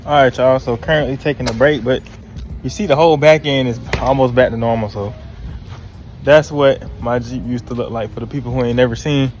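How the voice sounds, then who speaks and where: A man's voice: mid-range voice, steady tone, brisk, darkish tone, rough recording. A young man talking casually to his phone camera outdoors, saying "y'all" and "man" a lot while he works on his Jeep. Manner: laid-back, keeps saying "y'all" and "man". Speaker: vlogger removing his Jeep's vinyl wrap.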